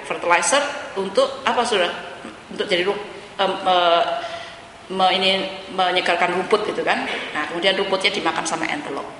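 A woman's voice: fairly low pitch, fairly quick, a bit bright, slight background noise. A woman preaching a sermon, who keeps turning to the listeners as "saudara" and drops English phrases in between. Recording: echoey hall.

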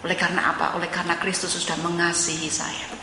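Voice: mid-range voice, little pitch movement, fast talker, background noise. A pastor preaching a sermon as a story, addressing the congregation over and over and dropping in English words. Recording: echoey church hall with long reverb.

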